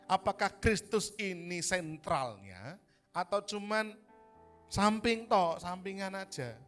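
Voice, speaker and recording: A man with a Javanese accent preaching a sermon at a church service, telling stories with animated delivery and acting out voices. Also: high-pitched, slow, faint music behind. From Central Java, Indonesia. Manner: animated storytelling, acts out voices, mixes in Javanese. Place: church service in a hotel hall.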